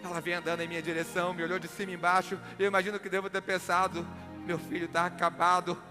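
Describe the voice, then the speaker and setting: High-voiced man from Minas Gerais. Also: completely flat delivery, racing, over music. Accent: Minas Gerais Brazilian Portuguese. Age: 30s. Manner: dramatic, emotional, acts out dialogue. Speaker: motivational speaker. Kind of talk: live motivational storytelling. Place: event stage.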